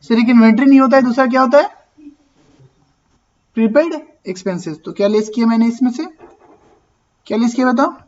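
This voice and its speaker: A man's voice: very high-pitched, brisk, pauses often, a little mellow, muffled recording. Male accounting teacher, Q-and-A lecture. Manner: conversational, asks and answers his own questions. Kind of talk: classroom lecture.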